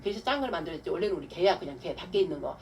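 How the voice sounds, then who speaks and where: Woman, pastor, sermon testimony, quick animated storytelling, lowish pitch, mic at a distance. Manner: animated storytelling, acts out quoted dialogue. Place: church hall. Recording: distant mic with faint room noise.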